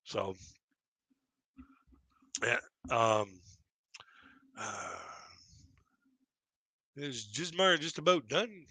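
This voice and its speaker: Bright-voiced man in his fifties doing stand-up. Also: mid-range voice, sing-song, very slow, pauses often, husky, no room sound. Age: 50s. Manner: rambling, chuckles at own jokes, many fillers. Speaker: stand-up comedian. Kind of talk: casual live-stream stand-up.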